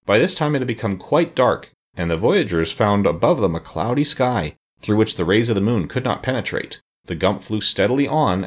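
Husky, expressive male storyteller. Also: lowish voice. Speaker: narrator. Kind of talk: storybook narration.

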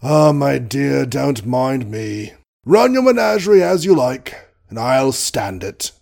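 A man's voice: mid-range voice, big pitch swings, slow, vocal fry, a little mellow, full character voice. A man doing a blustering old colonel. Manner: blustery, chuckling, swearing mildly. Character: gruff blustering old male colonel, doting father.

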